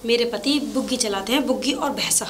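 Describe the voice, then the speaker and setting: A woman's voice: a little high, brisk, slight background noise, lightly acted. A woman acting in a rural comedy sketch as a tired, suspicious young married woman from a village who keeps asking questions indignantly.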